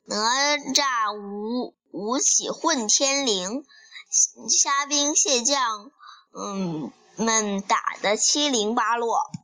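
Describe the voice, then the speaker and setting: A woman reading a children's story aloud in a halting way, with fillers and restarts. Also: a little high, pushed and bright, low-quality recording.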